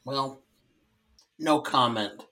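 A male podcast co-host with a bright, forward tone. He tells dry, rambling anecdotes in a relaxed, conversational way. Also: mid-range voice, very slow. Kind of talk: casual film discussion.

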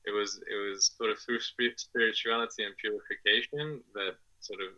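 On a podcast, a man in his twenties, originally from Afghanistan and brought up in England, answers casual interview questions. His lowish voice is bright and forceful with fairly even intonation at normal speed over dull audio. He hesitates, laughs a lot, and fills his speech with fillers and restarts.

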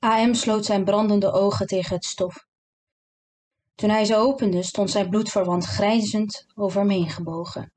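A woman reading a literary novel aloud in a calm, measured way. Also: mid-range voice. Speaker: narrator. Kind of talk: literary audiobook narration.

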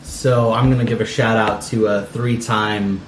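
A man's voice: lowish voice, level tone, measured pace, a little hiss or hum. Laid-back man in a roomy space. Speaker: podcast guest, baseball front office staffer. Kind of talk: casual chat over beers.

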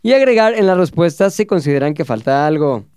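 A Mexican man hosting a podcast in a high, smooth voice, loose and full of slang. The sound is close and dry, with no room around it. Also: expressive, brisk, a little mellow, no room sound. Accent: Mexican Spanish. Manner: joking, slangy, reads list aloud. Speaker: podcast host. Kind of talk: casual podcast banter. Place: small studio set.

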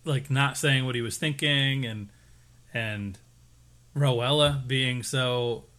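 Lively male podcast co-host. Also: mid-range voice, slow pace. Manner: lively, chuckling, playful asides. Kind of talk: casual chat recapping a TV episode.

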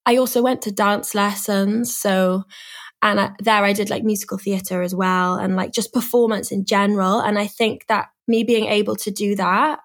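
A woman's voice: mid-range voice, steady tone, moderate pace, a bit bright. A young woman from Swansea with a Welsh accent, chatting casually and informally as an interview guest. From Swansea, Wales. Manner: informal, frequent "like". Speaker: guest, singer and music artist. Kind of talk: casual chat.

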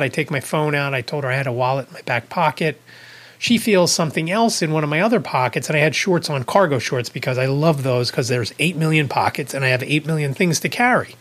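A man's voice: on the high side, a bit bright. A man hosting his own podcast, telling a story in a casual, rambling way, correcting himself and chuckling at his own asides. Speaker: podcast host.

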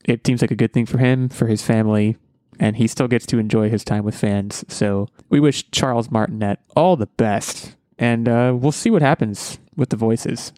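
A man's voice: mid-range voice, moderate pace, mellow, no echo. Guy hosting a podcast, rambly and jokey, mid voice, dry close mic. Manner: rambling and jokey, full of fillers and restarts. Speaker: podcast host. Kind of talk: casual podcast chat.

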